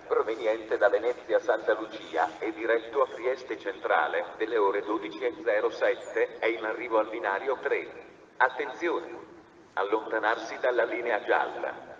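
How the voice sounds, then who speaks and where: Casting: male train station announcer, formal automated delivery, lowish pitch, heard over a distant echoing PA. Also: lo-fi sound. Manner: formal, segmented stock phrases. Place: railway station platform. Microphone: distant recorder picking up loudspeakers. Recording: echoey station PA from afar, clear ambient noise.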